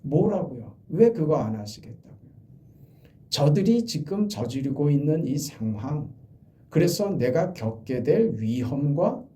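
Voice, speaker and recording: A middle-aged male pastor giving an early-morning sermon, earnest, rising to loud emphasis and dropping to quiet trailing line endings. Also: on the high side. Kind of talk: dawn prayer sermon.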